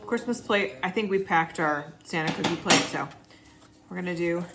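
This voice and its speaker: A woman's voice: on the low side, moderate pace, very noisy. A woman chatting casually in a home vlog, describing food and drinks to the camera. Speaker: vlogger. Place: home indoors.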